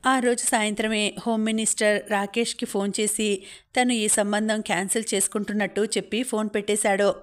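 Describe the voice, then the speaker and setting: A woman's voice: medium pitch, level tone, brisk. Woman narrating a Telugu audiobook. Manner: reads all characters' lines in a lightly varied voice. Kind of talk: storytelling narration with voiced dialogue.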